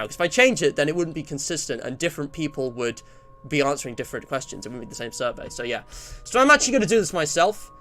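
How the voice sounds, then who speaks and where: This twenty-year-old Englishman has a fairly high-pitched, sharp-toned voice. He's casually chatting on a livestream, reading out survey answers and viewer messages, rambling and frequently cutting himself off as he comments.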